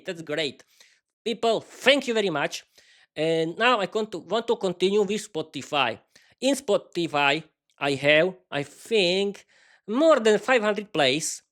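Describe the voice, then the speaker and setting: A Slovak man speaking non-native English, hosting an unscripted solo podcast, with halting phrasing, frequent restarts and fillers, and cheerful bursts of thanks to his listeners. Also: sits high, a bit bright. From East Slovakia. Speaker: podcast host.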